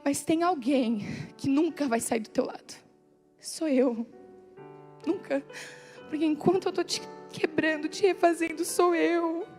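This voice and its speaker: Woman preacher, high voice, emotional sermon, pleading, drawn-out phrases, faint music behind. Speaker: preacher at a women's church meeting. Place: church hall. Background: soft instrumental music.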